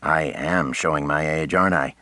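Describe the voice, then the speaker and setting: A man's voice: a bass voice, moderate pace, bright, forceful tone, dry recording. A man voicing a charming, easygoing journalist of about thirty in an audiobook, wry and teasing. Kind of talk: audiobook character voice.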